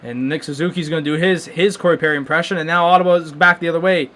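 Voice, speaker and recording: Excitable young man reacting to hockey. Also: fairly high pitch, fast. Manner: excitable, stunned reactions, many restarts. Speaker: host of a live hockey watchalong. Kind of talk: casual live game commentary.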